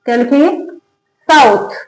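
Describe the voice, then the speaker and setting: Echoey, high-voiced woman teaching phonics. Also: a little mellow. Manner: asks questions then answers them, repeats example words slowly. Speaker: English teacher. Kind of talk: classroom-style phonics lesson. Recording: echoey room.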